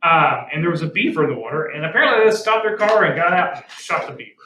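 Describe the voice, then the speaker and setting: A man's voice: a little high, expressive, fast, bright, forceful tone, slight background noise. A male biology teacher, lecturing a class in a folksy way, telling stories and checking in with questions. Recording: roomy classroom audio from a distant mic.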